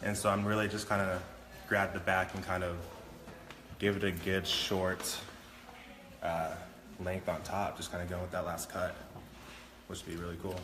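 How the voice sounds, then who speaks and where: A man casually describing his hairdressing work in a laid-back, halting way. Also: deep voice, level tone. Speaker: hairdresser demonstrating. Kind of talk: casual demonstration. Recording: echoey, reverberant noisy salon.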